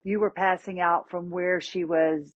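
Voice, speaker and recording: A woman in her fifties hosting an interview, reacting with sympathy and asking quick follow-up questions. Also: fairly low pitch, fairly even intonation, dry recording. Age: 50s. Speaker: host. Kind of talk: conversational interview. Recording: dry, dull lo-fi audio.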